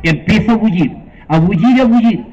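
A male storyteller with a Chilean accent narrates a fairy tale live, playful and animated, quizzing his listeners. His voice sits very high for a man. The recording is dull and lo-fi. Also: brisk. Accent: Chilean Spanish.

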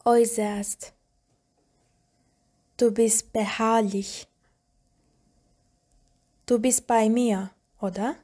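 Woman, language lesson, reads example sentences aloud, very slow and deliberate, fairly high voice. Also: warm tone. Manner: reads short phrases slowly and deliberately, with pauses. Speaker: language teacher.

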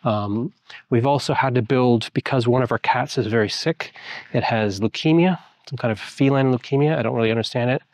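A man's voice: mid-range voice, brisk, darkish tone, no room sound, clean studio sound. A man in his forties giving a casual, rambling tour of his garden and garage, with many fillers and restarts. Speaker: homeowner giving a house tour. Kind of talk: casual walkthrough narration. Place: outdoor garden and large garage of an old house.

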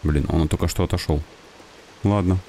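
A man's voice: sits low, fairly even intonation, normal speed, dark tone, slight background noise. A man giving casual, informal game playthrough commentary, musing aloud as he plays. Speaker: gaming host. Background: music.

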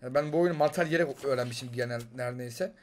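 A young man with a Turkish accent giving excited gameplay commentary, jumping between loud outbursts and muttering to himself. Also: mid-range voice, very fast, a little hiss or hum. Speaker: gaming YouTuber.

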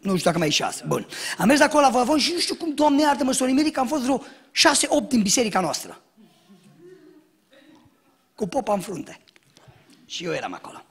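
A male pastor delivers a sermon in a high, bright voice. He swings freely up and down in pitch. He tells jokes and acts out the people in his stories with shouted lines. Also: long pauses, breathy edge. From Romania. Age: young adult. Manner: animated storytelling, acts out shouts and dialogue, jokes.

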